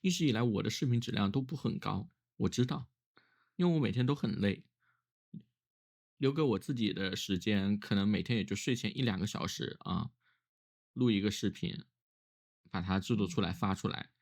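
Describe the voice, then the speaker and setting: A man with a fairly low, very creaky voice, speaking as if to himself in a casual vlog. He sounds weary and under the weather with a cough, musing reflectively as he goes. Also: moderate pace, long pauses, darkish tone. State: ill with a cough. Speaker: solo vlogger.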